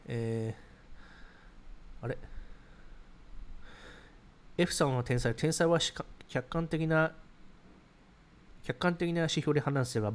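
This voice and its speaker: A man in his thirties hosting a casual livestream, reading viewer comments aloud and answering them in a chatty, explanatory way. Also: mid-range voice. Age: 30s. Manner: rapid, chatty, explains ideas while reacting to comments.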